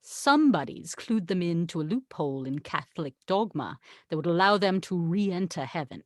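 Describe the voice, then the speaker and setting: In a script table read, a woman voices a haughty, sarcastic, tequila-loving angel who serves as the voice of God, sounding wry, exasperated and condescending with a grave, insistent mood. Her voice is fairly low and expressive at a normal speed. The recording is studio quality with no echo, and her voice sounds natural.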